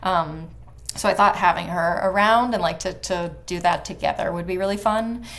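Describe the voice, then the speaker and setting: A woman's voice: on the low side, normal speed, a bit bright. A young woman, a fiddler, chatting casually in an interview with lots of "like" fillers. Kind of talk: casual conversation.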